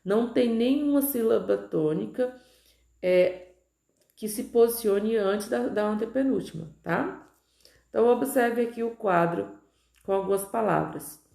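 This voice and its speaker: A Brazilian Portuguese woman teaching a recorded grammar lesson, drawing out example words slowly and often checking in with her students. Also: a little high, vocal fry, dark tone. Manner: slow, stretched-out pronunciation of example words, frequent "tá?" checks. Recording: echoey room.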